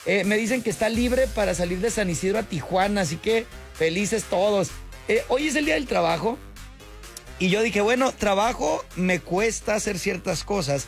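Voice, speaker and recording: Man, radio host, high voice, slangy laid-back chat, faint music under the voice. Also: animated, normal speed. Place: radio studio.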